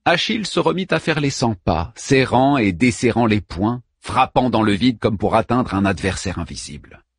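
A man narrating an epic tale in dramatic, expressive audiobook style. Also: fairly low pitch, normal speed, breathy edge, no echo, studio quality.

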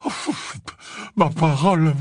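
A portly, fretful old wizard who stammers and gasps through his words, his voice lifted and strained, as a man puts him on. Husky, with a dry, close sound. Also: on the high side, takes it slowly, no room sound, voice pushed up. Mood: flustered. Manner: stammering, gasping, flustered. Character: portly older male wizard teacher, fretful and cowardly.

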